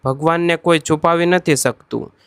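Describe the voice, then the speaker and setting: A man's voice: a little high, normal speed, vocal fry, fairly bright tone, clean tone, no echo. Emotive male devotional storyteller. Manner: addresses listeners as devotees, emotive.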